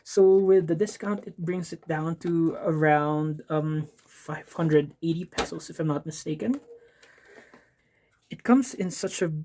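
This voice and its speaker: Speaking at a measured pace, the art vlogger, a man from the Philippines with a Filipino accent, has a mellow, higher-than-average voice against slight background noise. His casual chat is meandering and filler-heavy, with frequent self-corrections and apologetic asides.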